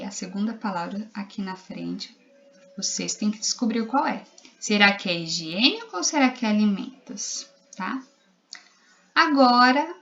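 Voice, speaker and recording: A woman teacher with a Brazilian Portuguese accent talks slowly and patiently to young children, spelling out letters and syllables one by one. Her voice sits at a middle pitch. The lo-fi home video audio sounds a little dull. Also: a bit bright. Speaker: primary school teacher. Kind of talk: recorded literacy lesson for young children.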